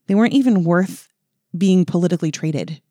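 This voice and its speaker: A woman's voice: on the low side, animated, brisk, dark tone, no room sound, clean studio sound. A woman co-hosting a podcast, telling a history story casually with lots of fillers and wry asides. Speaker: podcast co-host.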